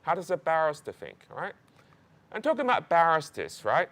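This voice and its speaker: A man's voice: on the high side, wildly swooping pitch, a little fast, fairly bright tone. A man giving an informational presentation to prospective students in a conversational, emphatic way, often adding short tags like right and okay. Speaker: law program presenter.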